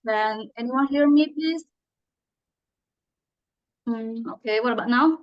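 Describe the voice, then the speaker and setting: A woman's voice: a little high, takes it slowly, muffled recording. A woman in an online group discussion, heard through glitchy, robotic-sounding call audio, checking whether the others can hear her. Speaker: panel participant, virtual assistant. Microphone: video call.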